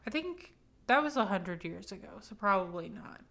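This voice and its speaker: A woman's voice: medium pitch, sing-song, moderate pace, vocal fry, fairly bright tone. A woman in her twenties, drunk and rambling emphatically through a casual, opinionated rant. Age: 20s.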